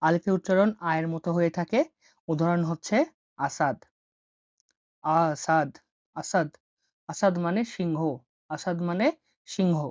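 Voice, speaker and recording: A woman teaching the letters of a language slowly, repeating each example word several times with patience. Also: lowish voice, fairly even intonation, a little mellow, no room sound. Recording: dull, muffled dry sound.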